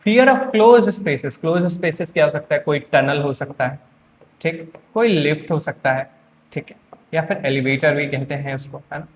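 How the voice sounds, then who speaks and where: Higher-pitched man teaching English. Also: steady tone, normal speed. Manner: quizzing students with repeated questions. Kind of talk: exam-prep lecture.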